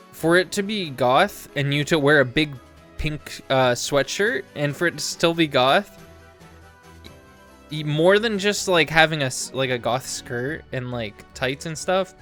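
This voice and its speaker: Rambling man streaming a game. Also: on the high side. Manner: rambling, full of "like" and restarts; gets loud and excited in bursts. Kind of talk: casual live-stream chatter while gaming. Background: game music.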